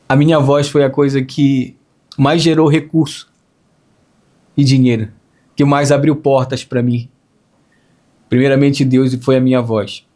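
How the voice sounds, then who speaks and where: A man with a lasting hoarse, raspy voice, earnestly telling an emotional faith testimony and repeating phrases as he recalls it. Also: medium pitch, darkish tone. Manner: earnest, storytelling with repetitions. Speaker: testimony speaker.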